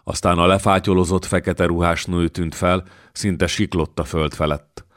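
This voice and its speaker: Very deep, measured male narrator. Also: steady tone, no room sound, studio quality. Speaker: audiobook reader. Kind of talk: scripted narration of a historical novel.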